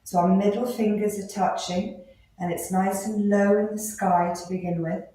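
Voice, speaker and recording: A woman teaching a live children's yoga class, giving gentle, encouraging, playful instructions. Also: medium pitch, steady tone, moderate pace, a little hiss or hum. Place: live class in an indoor room. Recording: very echoey room.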